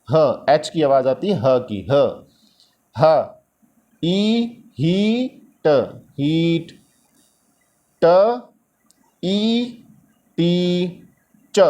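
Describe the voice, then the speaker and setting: Man, phonics teacher, slow deliberate delivery, sounds out letters one by one, mixes English into Hindi, mellow tone. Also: fairly high pitch. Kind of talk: phonics lesson.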